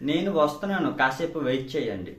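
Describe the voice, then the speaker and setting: A man with a Telugu Indian accent teaching spoken English, saying each sentence quickly in Telugu and then repeating the English translation slowly and clearly. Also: on the high side, big pitch swings, roomy sound, a little hiss or hum. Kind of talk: language lesson, reading sentences.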